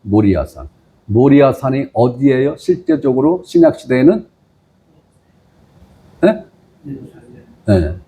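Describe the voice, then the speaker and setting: A man preaching a sermon as pastor, reading scripture slowly and often asking the congregation questions. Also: big pitch swings, dark tone. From maternal family from the Jeolla region. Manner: asks the congregation questions and repeats phrases; reads scripture slowly and lower.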